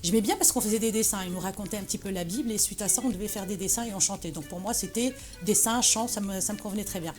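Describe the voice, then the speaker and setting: A woman from Morocco speaks at a medium pitch in a relaxed interview. She talks hesitantly, with lots of fillers and restarts. Faint music plays behind her. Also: quick pace, few pauses. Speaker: guest, association president. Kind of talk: casual interview conversation.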